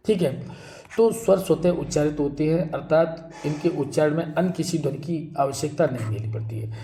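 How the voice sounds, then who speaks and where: Male teacher, exam-prep lesson; slightly high, mellow voice; asks and answers his own questions. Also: roomy sound. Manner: explains slowly, repeats points, asks and answers own questions.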